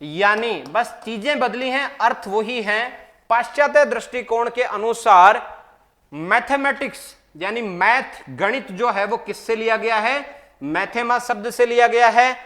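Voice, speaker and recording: A man's voice: extremely high pitch, a little slow, a bit bright. A man teaching a maths exam-prep lecture, asking the class questions and answering them himself, repeating key points. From Rajasthan, India. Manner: calls listeners "bhai".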